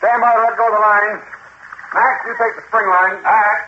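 A man playing a brisk, commanding first mate in an old radio drama. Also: sits high, steady tone, natural voice. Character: brisk male yacht crew boss, practical. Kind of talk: 1950s radio drama acting. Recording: hissy muffled old radio recording.

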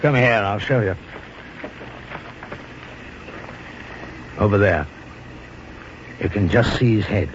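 An actor playing a hard, composed, quietly contemptuous safari hunter in a 1950s radio drama. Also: male voice, lowish voice, moderate pace, close to an everyday voice. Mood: calm, coaxing. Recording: muffled old radio, faint noise.

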